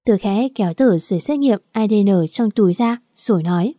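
A woman reads a first-person story in an even, unhurried manner. Her voice is mellow and dark-toned. The recording is dry and close. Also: medium pitch, no room sound. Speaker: narrator.

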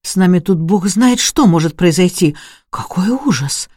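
Brief: woman voicing a frightened lady, shrill panic, audiobook. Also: lively intonation, moderate pace, a little mellow, breathy edge, dry recording, clean studio sound. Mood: fearful. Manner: shrill, fearful. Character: panicking lady wanting to flee.

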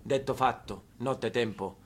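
An unhurried, mid-range voice belongs to a stage actor from Apulia in southern Italy, performing a monologue with a southern Italian accent against a noisy background. He's emphatic and histrionic and repeats words for effect.

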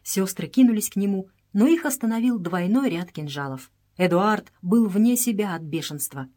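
A woman narrating an adventure novel as an audiobook in a steady, even reading voice. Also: medium pitch, moderate pace. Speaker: audiobook reader. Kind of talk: scripted narration.

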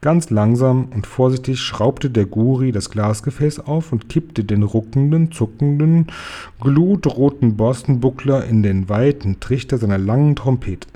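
A man reading a children's storybook aloud, slowly and expressively. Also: medium pitch. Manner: slow, careful, expressive. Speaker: reader.

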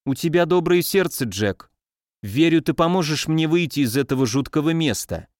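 A man's voice: on the high side, animated, moderate pace, dry recording, clean studio sound, lightly acted. Man doing a frightened pleading housekeeper woman. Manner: timid, pleading.

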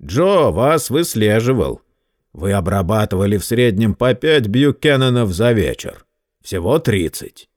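A big, polite gangster lawyer, voiced by a male narrator speaks in slow, deliberate tones full of quiet menace. His voice sits low, and the recording is close and dry. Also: sing-song, dry recording. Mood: coolly menacing.

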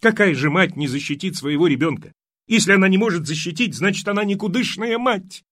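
A man voicing a fussy, scatterbrained elderly mother in an audiobook, talking in a high, rambling, emphatic way. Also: lively intonation, a little fast, fairly bright tone, dry recording. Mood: fussing. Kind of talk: audiobook character voice.

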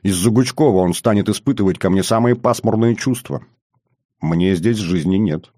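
A man's voice: on the low side, moderate pace, mellow, no room sound, clean studio sound, close to an everyday voice. A man voicing a bold, bitter young officer in an audiobook, speaking bluntly and earnestly. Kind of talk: audiobook character reading.

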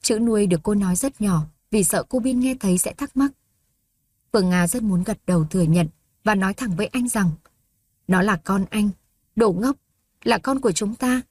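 A woman narrating a romance story in a steady, even reading voice. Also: medium pitch, moderate pace. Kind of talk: scripted audiobook narration.

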